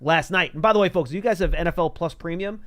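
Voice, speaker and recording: A man's voice: a little high, fast, fairly bright tone. A man hosting a sports show, giving conversational football analysis.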